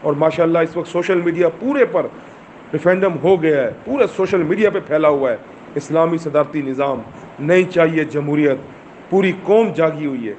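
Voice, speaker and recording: A man's voice: on the high side, darkish tone, a little hiss or hum. A man with a Pakistani accent giving a fervent political speech, full of rhetorical questions, recorded while driving. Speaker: movement chairman.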